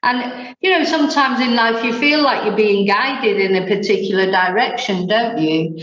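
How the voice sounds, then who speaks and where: In a casual interview, a guest who teaches languages, a woman in her forties from Manchester, England, with a Mancunian accent, tells her story in a rambling way with fillers and little chuckles. Her mid-range voice is fairly bright and moves at normal speed. The recording is reverberant with the highs cut off.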